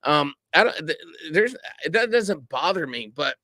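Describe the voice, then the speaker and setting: A man with a bright, forceful voice, pitched a little above most men, chatting on a live show. He rambles through his stories, stacking fillers and restarts, and sounds close and dry. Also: a little slow, dry recording. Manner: rambling, animated storyteller with lots of fillers. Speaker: podcast co-host. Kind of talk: casual live-stream chat. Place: live-stream studio.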